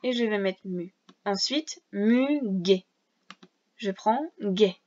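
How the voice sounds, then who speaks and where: Slow-paced and medium in pitch, this woman's voice has a darkish tone, and the recording sounds dull and lo-fi. She patiently leads a reading lesson for young children, sounding out each syllable and letter in turn.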